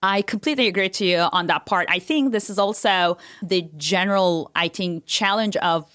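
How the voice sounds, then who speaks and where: A woman's voice: mid-range voice, moderate pace, fairly bright tone, dry recording, clean studio sound. A woman, a company founder speaking as a guest in a casual interview, earnest and leaning on fillers like "you know". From Turkey. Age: 40s.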